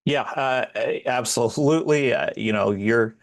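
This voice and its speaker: A man co-hosting a podcast, chatting casually with a relaxed, teasing, deliberate manner. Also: medium pitch. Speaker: podcast co-host. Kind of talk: casual interview chat.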